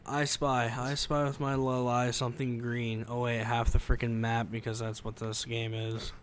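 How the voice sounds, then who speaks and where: A man's voice: medium pitch, little pitch movement, moderate pace, a little hiss or hum. A man hosting a live stream of a racing game, chatting casually and rambling with frequent laughs. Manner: joking, rambling, laughs often. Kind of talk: casual gaming chat. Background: loud game music.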